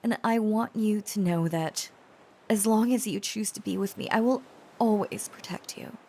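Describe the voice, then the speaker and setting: This intimate, softly acted romantic audio drama features a woman as a protective, tender young girlfriend with dragon ancestry. Her mid-range voice moves at a moderate pace, breathy and often whispered, gentle and hesitant, with an earnest, devoted feel.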